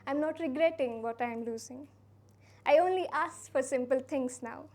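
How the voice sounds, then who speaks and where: A young woman from India performing a spoken word poem at a college event, with a soft, earnest and unhurried delivery. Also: high-pitched. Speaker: slam poet.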